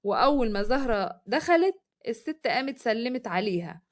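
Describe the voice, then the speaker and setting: Fast Egyptian woman storyteller. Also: a little high, expressive. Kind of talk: scripted story narration.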